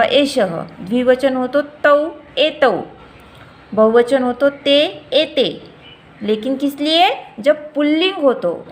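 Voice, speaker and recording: A woman teacher giving a grammar lesson, saying each form slowly and repeating it so students can practise. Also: sits high. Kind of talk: grammar lesson explaining and drilling forms.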